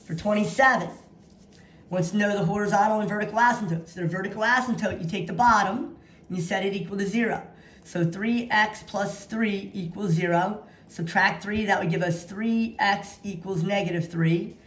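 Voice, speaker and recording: A woman's voice: mid-range voice, normal speed. A woman with a mid-range voice teaches in an echoey space. She walks through practice problems in an instructional way, dictating notation bit by bit. She often repeats key phrases for emphasis. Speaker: math teacher. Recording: echoey room sound.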